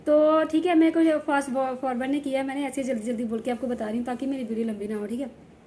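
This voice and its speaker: A woman vlogging casually at home to her viewers, chatty and rambling, often ending her points with a quick check-in. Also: sits high, dark tone, a little hiss or hum. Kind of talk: casual vlog chat to viewers.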